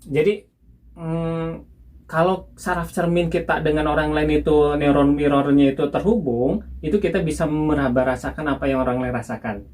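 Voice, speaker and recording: A young man calmly explaining to his wife in casual conversation, giving examples and laughing now and then. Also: fairly high pitch, normal speed. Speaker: husband teaching his wife. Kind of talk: casual instructional chat.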